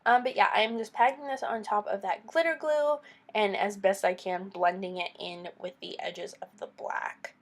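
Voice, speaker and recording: Nasal and congested from a cold, a young woman narrates her makeup tutorial at a moderate pace in a mid-range voice with fairly even intonation. She's chatty as a beauty vlogger, explaining every step and tossing in offhand remarks.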